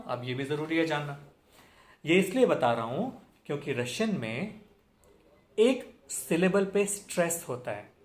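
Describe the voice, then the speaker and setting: A young man teaching a language lesson, patiently explaining, repeating example words with strong stress and often checking in with listeners. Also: fairly high pitch. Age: young adult. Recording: echoey room.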